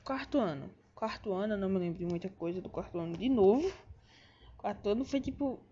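A woman's voice: medium pitch, animated, fairly quick, dark tone, husky. A young woman with a Brazilian Portuguese accent, chatting to viewers in a casual, rambling way, full of slang and restarts. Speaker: vlogger. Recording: dull lo-fi sound.

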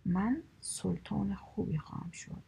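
A woman's voice: mid-range voice, vocal fry, warm tone, slightly rough, heavily acted. A woman whispering a storybook reading, voicing a proud, gullible male deer who grows indignant. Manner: proud, then indignant, raised voice.

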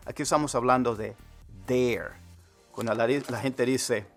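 A man, a native Spanish speaker, teaching English phrases, repeating words slowly so learners can copy them. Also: mid-range voice, fairly even intonation, fairly bright tone, soft background music. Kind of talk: Spanish-language English lesson.

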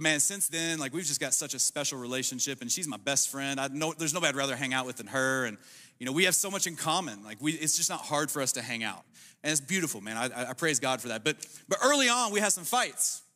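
Animated young pastor preaching, bright voice. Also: male voice, a little high. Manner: casual, joking, animated storytelling with many "like"s. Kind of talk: sermon. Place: church auditorium. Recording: long reverb of a large hall.

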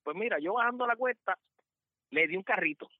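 This man's voice sits high and moves fairly quickly, captured on a dry, slightly dull podcast mic with no room sound. As a guest storyteller, he tells comic stories about work, animatedly acting out the other people's voices.

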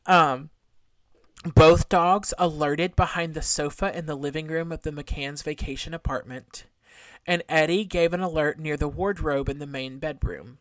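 A woman's voice: low voice, steady tone, moderate pace, dry recording. A woman hosting a podcast, telling a true-crime story from notes in a conversational way, with casual asides and some trouble pronouncing her Rs. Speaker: podcast host.

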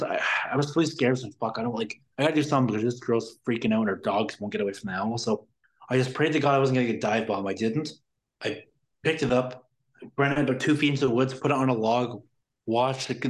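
Rambling, exasperated man telling a story. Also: mid-range voice. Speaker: podcast guest. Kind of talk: casual storytelling.

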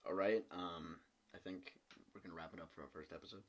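A man's voice: low-pitched, fairly even intonation, fairly quick. A young man co-hosting a casual podcast, joking and laughing often. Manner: giggly, jokey, laughs often. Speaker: podcast co-host. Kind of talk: casual chat.

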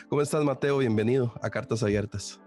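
A man with a Costa Rican accent hosting a podcast interview. He speaks at a middle pitch and feels his way through his questions with fillers and restarts, while faint music plays in the background. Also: moderate pace, a little mellow. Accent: Costa Rican Spanish. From Costa Rica. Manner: hesitant, many fillers and restarts. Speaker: podcast host. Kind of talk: casual interview.

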